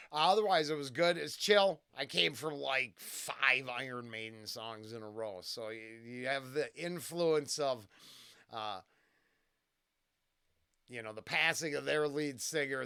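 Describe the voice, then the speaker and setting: A man's voice: medium pitch, unhurried, vocal fry, bright, forceful tone, smooth, no room sound, clean studio sound. A man hosting a casual first-listen music reaction, talking in a rambling, tangential way with lots of fillers and restarts.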